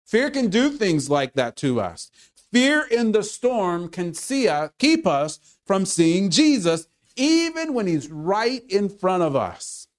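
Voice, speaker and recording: Male preacher, earnest and chatty, slow delivery. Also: high-pitched, big pitch swings. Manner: earnest, conversational preaching with sudden loud calls. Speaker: pastor. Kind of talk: sermon.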